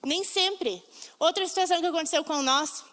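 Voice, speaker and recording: A woman's voice: very high voice, normal speed, a bit bright. A Brazilian woman preaching a sermon, telling stories emphatically and acting out the voices she quotes. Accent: Brazilian Portuguese. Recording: long reverb of a hall.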